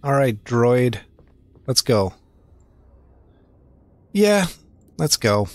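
A man's voice: mid-range voice, sing-song, very slow, no room sound. A young man giving playful, joking commentary while playing a point-and-click game. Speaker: streamer. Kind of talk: casual gaming commentary.

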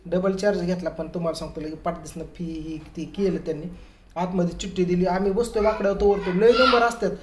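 A man's voice: high-pitched, quick pace. A man telling a family story to the camera in a casual way, acting out what others said. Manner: lively retelling that acts out others' quoted words. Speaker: family vlogger. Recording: echoey room with faint ambient noise.

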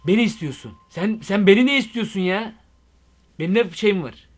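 A young man doing a comic vlog monologue, excitable and rambling, full of slang. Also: high voice, normal speed. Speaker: YouTube comedian.

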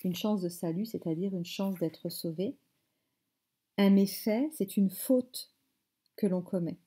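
Dark-voiced woman reading a novel aloud. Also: medium pitch, husky. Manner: measured, phrase-by-phrase reading. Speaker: French teacher.

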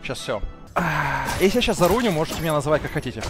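High-pitched man, swinging, crude streamer. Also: animated, fast, over music. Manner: crude, swearing, repeats phrases, self-deprecating. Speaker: live game streamer. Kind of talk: casual gaming stream chat, raging. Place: small room indoors. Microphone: headset boom mic.

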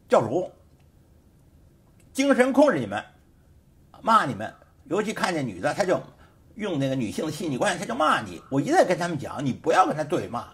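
A man who hosts a show and teaches sociology, giving an emphatic, repetitive political commentary full of rhetorical questions in a studio. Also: high-pitched. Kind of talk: casual political commentary monologue.

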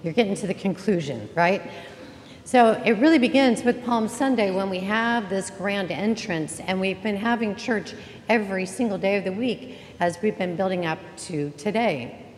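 Welcoming the congregation with chatter and jokes, a woman interim pastor preaches an Easter sermon in a church sanctuary. She speaks at medium pitch and a moderate pace, and the reverberant hall recording has faint ambience plus a little hiss or hum.

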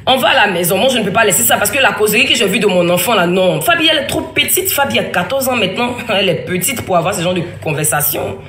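A woman's voice: mid-range voice, animated, fast talker, few pauses, a bit bright. A woman, telling a family story in a rambling, emphatic way, acting out other people's lines. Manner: rambling, emphatic, with frequent restarts and quoted dialogue. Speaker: mother telling her story. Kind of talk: casual spoken testimony. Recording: echoey room with faint ambient noise.

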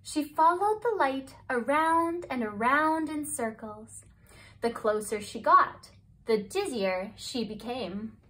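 A woman reading a children's picture book aloud as a bedtime story, slow and expressive, her voice a bit distant from the mic. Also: high voice. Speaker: storybook reader.

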